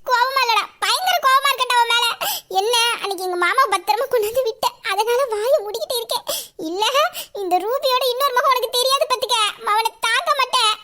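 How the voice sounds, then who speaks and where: A woman voicing a sharp-tongued young office assistant in an audio drama, grumbling asides under her breath. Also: extremely high pitch, fairly quick, slight background noise. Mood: flustered. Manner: grumbling asides, exasperated muttering. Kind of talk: Tamil audio drama acting.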